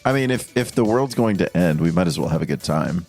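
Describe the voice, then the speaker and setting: Deep voiced guy bantering on a game podcast, bit of music behind. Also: animated, fairly quick, darkish tone. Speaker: tabletop podcast player. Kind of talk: casual banter.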